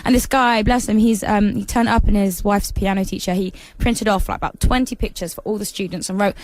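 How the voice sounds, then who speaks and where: A woman's voice: mid-range voice, fairly even intonation, brisk, darkish tone, slight background noise, rough recording. A young English woman chatting as a guest on a radio show, with many likes and ums. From England. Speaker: guest singer. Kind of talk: casual radio interview chat.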